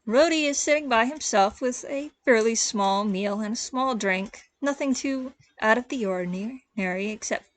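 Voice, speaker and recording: A woman game master calmly narrating a tabletop role-play scene in a relaxed storytelling way. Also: on the high side. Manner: descriptive, relaxed storytelling with small restarts.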